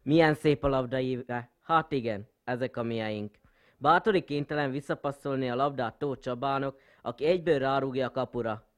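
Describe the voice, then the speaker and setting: A man's voice: medium pitch, natural voice. Actor as smug, florid, biased male football commentator. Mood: admiring, smug. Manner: florid, flowery, sneering at opponents. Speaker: sports commentator. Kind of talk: partisan football commentary, comic radio sketch.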